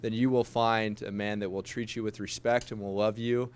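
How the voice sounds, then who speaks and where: A man's voice: lowish voice, little pitch movement, moderate pace, smooth. A man in his twenties speaking sincerely and plainly on a panel. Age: 20s. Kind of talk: casual panel answers.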